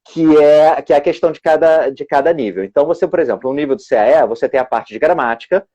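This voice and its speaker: A man with a fairly high, mellow voice talks fast on a live stream, where he explains as an English teacher and exam examiner and keeps restarting his words. The video call audio sounds dull and lo-fi.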